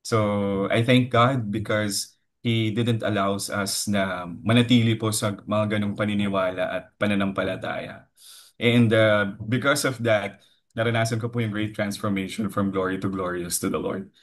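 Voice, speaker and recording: A man in his thirties from the Philippines with a deep baritone, giving an earnest devotional testimony with many fillers. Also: steady tone, a little slow. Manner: earnest, mixes English into his talk, frequent fillers and "po". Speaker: lay preacher giving a testimony.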